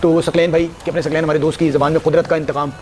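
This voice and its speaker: A man's voice: on the high side, flat delivery, racing, background noise. A man on a talk panel laying out his argument point by point. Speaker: panel guest. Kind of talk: debate commentary.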